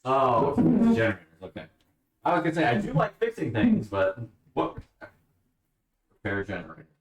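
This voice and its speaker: A man's voice: mid-range voice, huge pitch swings, moderate pace, distant mic. A man chatting casually on a live stream, answering questions from his chat. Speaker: livestreamer. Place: at home, bathroom with a bathtub. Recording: echoey room, away from the mic.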